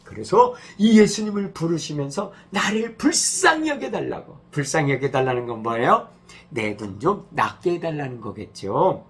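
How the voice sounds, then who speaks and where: A male pastor gently telling a story to children, acting out the cries. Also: mid-range voice, husky. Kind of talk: children's sermon.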